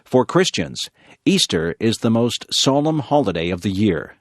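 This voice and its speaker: A man with an American accent reading scripted narration for English learners, slowly and clearly. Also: on the low side, no echo, studio quality. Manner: slow, clear, even reading.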